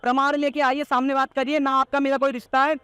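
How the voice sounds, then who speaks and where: A man's voice: extremely high pitch, flat delivery, fast talker, sharp tone, dry recording. A teenage boy giving political opinions in a street interview, rattling them off all in one breath in a combative, insistent way, with repeated points and rhetorical challenges. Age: teenager, not yet of voting age.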